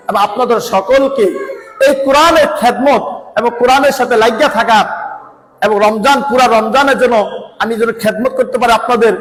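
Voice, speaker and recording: A man's voice: high voice, fairly bright tone, long reverb tail, a little hiss or hum, rough recording. A man teaching Quran reading, chanting letter syllables in a sing-song drill. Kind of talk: Quran recitation lesson.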